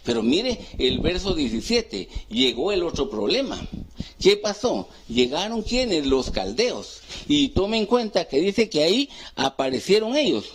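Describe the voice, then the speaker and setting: A man preaching a sermon as pastor, asking the congregation questions and answering them himself, swinging between loud rising calls and hushed low phrases. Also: very animated, a little slow, husky. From Guatemala. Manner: call-and-response questions to the congregation.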